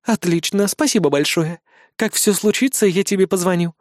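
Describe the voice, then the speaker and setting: A man reading an audiobook, voicing a sly young queen who talks in a soft, purring way. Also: high voice, normal speed, no room sound, studio quality, pitched above the performer's own voice, natural voice. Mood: hushed. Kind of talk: audiobook character voice.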